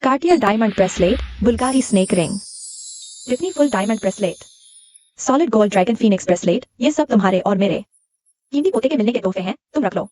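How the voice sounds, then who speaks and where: A woman's voice: medium pitch, lively intonation, quick pace, darkish tone, natural voice. A woman voicing a doting wealthy grandmother in a dubbed drama, eager and fussy.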